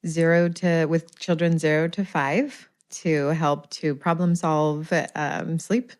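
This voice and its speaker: A woman's voice: low-pitched, fairly even intonation, slow, darkish tone. A woman from Hawaii in her forties, a sleep consultant guest speaking in an easygoing way on a podcast. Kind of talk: podcast interview.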